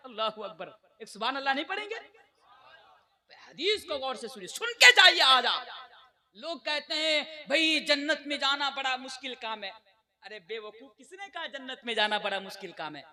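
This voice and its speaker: A young man from India preaches to a live gathering in a strikingly high voice. His tone is bright and cutting as he declaims with fervour. He keeps calling on the crowd to answer him. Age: 20s. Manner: impassioned, high-pitched declamation with call-and-response to the crowd. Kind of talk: sermon.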